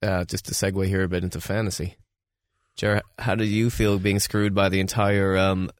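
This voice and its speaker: A man co-hosting a sports chat with a fairly low voice and a dry, teasing way of putting things. The recording is dead dry and close to the mic. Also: little pitch movement, normal speed, no room sound. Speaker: podcast co-host.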